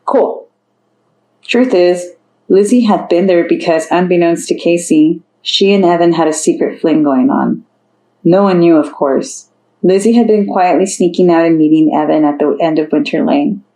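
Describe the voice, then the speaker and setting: A woman's voice: fairly low pitch, moderate pace, warm tone, rough recording. A woman narrating a story aloud, reading steadily and lifting her voice for the characters' lines.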